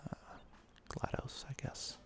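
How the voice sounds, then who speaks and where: Whispering over gameplay, this gaming-video host gives easygoing commentary that comes in stops and starts, ASMR style.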